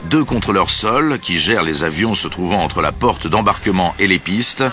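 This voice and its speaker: A man narrates a documentary from a script. His voice is deep with lively swings in intonation, set over a clear music bed. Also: normal speed. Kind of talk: scripted narration, present tense.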